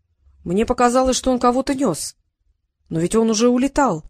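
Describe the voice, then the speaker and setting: A woman voicing a polite, gentle young male sultan in an audiobook, soft-spoken and courteous. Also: on the high side, expressive, moderate pace, dry recording, studio quality, natural voice.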